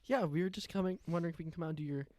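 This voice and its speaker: A man voicing a pushy, overly polite telemarketer delivering a scripted sales pitch. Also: racing, mellow, dry recording, close to an everyday voice.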